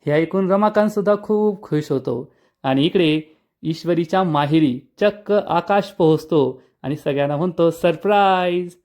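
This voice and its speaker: A man narrating a TV serial episode recap as a lively storyteller. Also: a little high, moderate pace. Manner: lively storyteller voicing the characters.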